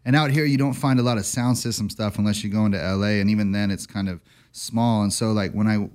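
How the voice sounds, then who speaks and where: Easygoing low-voiced radio host man. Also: steady tone, fast, darkish tone, clean tone. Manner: easygoing, enthusiastic, respectful. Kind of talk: casual radio interview.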